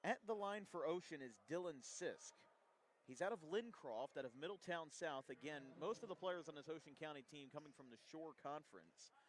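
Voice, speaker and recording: A man calling a college basketball game play by play, his calls rising sharply on made shots and settling into steady stat reading between plays. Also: on the high side, a little fast. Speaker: play-by-play commentator.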